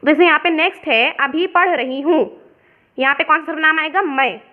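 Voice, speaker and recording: Woman teacher from India, explains step by step, high voice, muffled lo-fi audio. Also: a little fast. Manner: explains step by step, mixing in English words. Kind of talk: worksheet explanation lesson. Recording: dull lo-fi sound.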